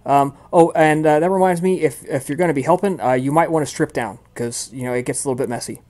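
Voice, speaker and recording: A man's voice: a little high, fast talker, a little mellow. A man narrating a tabletop game as game master in a casual, rambling way, full of fillers.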